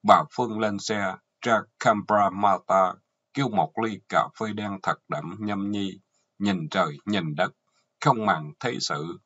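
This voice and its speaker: A man's voice: lowish voice, slow, fairly bright tone. A man with a Southern Vietnamese accent narrating a short story in an earthy, colorful, mocking way. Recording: dull lo-fi audio.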